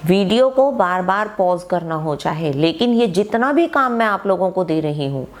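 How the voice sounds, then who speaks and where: Woman, teacher, online grammar lesson, slow explanations, stressed example sentences. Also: fairly low pitch, lively intonation. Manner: explains slowly, reads example sentences aloud with emphasis.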